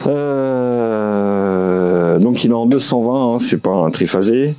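A man in his forties casually unboxing and showing a tool in a small indoor workshop office, relaxed and halting with many fillers. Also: mid-range voice, clear, resonant tone, low-quality recording. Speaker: vlogger.

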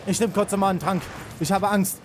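A young man giving excitable live commentary on a game he is playing, rapidly repeating words and mixing in English slang. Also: sits high, background noise. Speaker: let's player. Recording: game music behind.

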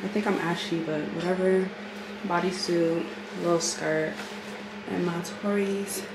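A woman's voice: lowish voice, flat delivery, unhurried, noisy background. A young woman travel vlogger chatting casually to her handheld camera, laughing often and teasing herself. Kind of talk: casual vlog chat. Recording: roomy with background ambience.

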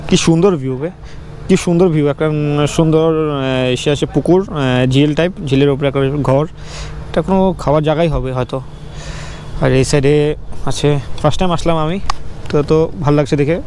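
A man on a motorbike trip narrates casually into his camera, thinking aloud and filling pauses as he goes. His voice sits somewhat high for a man. Traffic and outdoor noise come through clearly around him on the road. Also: a little mellow. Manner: chatty, loose, thinking aloud with fillers. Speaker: vlogger. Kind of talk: casual moto-vlog narration. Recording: noisy outdoor road recording.

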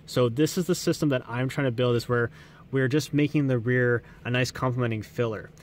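In a garage, a man who runs a car audio channel works on a car and talks viewers directly through each step in a casual how-to style. His mid-range voice moves fairly quickly, with a little noise in the background.

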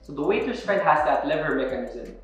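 Soft music plays as this young wine presenter, very animated and a little fast, demonstrates how to open a bottle of wine one step at a time. His pitch sits fairly high, and the indoor room with a table is very echoey.

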